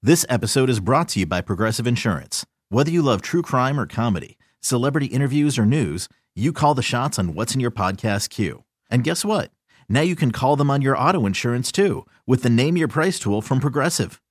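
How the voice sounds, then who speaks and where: A man's voice: medium pitch, expressive, fairly quick, no room sound, clean studio sound. A man reading a scripted advertisement as an announcer. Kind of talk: scripted ad read.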